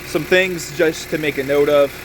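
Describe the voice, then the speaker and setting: A man's voice: on the high side, fairly even intonation, normal speed, background noise. A man filming a casual do-it-yourself car video, rambling wryly and breaking into profane rants. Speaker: DIY car-modding vlogger. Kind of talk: casual self-filmed how-to chat. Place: garage and inside a car.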